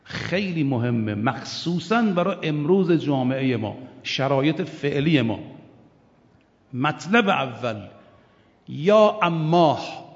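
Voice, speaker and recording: A man's voice: medium pitch, lively intonation. An older man preaching a sermon with passion, asking rhetorical questions and chanting quotations. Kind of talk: religious sermon. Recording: dull, reverberant hall.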